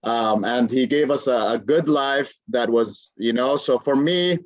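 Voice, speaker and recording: A man's voice: medium pitch, a little slow, dry recording, muffled recording. Earnest man in his thirties, from Jordan. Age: 30s. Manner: earnest, storytelling with many fillers. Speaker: guest, career coach. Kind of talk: interview conversation.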